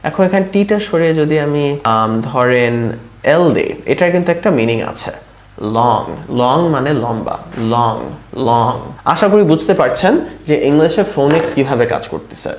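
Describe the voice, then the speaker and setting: Male phonics teacher, mid-pitched, patient, spells out syllables, echoey room. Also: animated, a little hiss or hum. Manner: slow, sounds words out syllable by syllable, often asks "right?". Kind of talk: informal online lesson.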